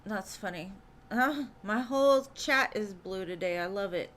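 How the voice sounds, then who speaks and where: A woman's voice: medium pitch, a little slow, a bit bright. A woman giving live tarot readings in a casual, chatty way, with many fillers, calling viewers "love". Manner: chatty, says "like" and "um" often, calls viewers "love". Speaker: tarot reader streamer.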